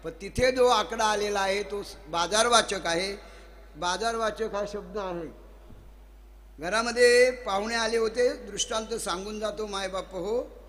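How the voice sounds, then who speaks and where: A man preaching a devotional sermon to a live audience. He tells stories, asks the listeners questions and chants verses slowly. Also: sits high, a bit bright. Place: gathering hall with a live audience. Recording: long reverb of a hall.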